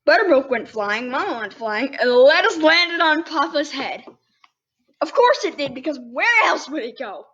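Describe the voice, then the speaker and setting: In a dull, lo-fi recording with faint noise, a roughly ten-year-old girl reads children's books aloud as host, stopping for frank, offhand commentary. Her high-pitched female voice is very animated and fairly bright, moving at normal speed.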